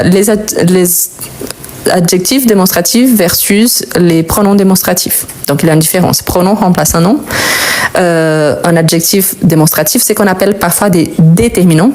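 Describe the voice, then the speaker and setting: A woman's voice: fairly low pitch, darkish tone. Patient woman teaching grammar live. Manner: patient, explanatory, repeats key words. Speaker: French teacher. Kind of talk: live-streamed grammar lesson.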